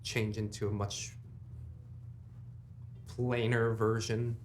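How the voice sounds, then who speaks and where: A game master improvising narration for a tabletop role-playing game, haltingly and thinking aloud. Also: mid-range voice, flat delivery, slight background noise.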